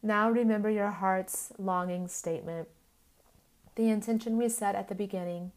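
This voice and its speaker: A woman guiding a yoga nidra relaxation in the soothing manner of a sleep story narrator, in measured short phrases with long pauses. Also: mid-range voice, steady tone.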